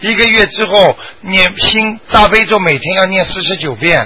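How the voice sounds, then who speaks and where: A man hosting a radio call-in show, giving brisk, firm and reassuring answers to callers. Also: high voice, pushed and bright, husky, no room sound. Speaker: radio advice host.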